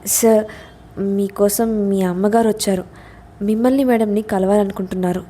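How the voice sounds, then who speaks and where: A woman's voice: medium pitch, steady tone, normal speed, warm tone, close to an everyday voice. A woman voicing a jittery male servant in an audio story. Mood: fearful.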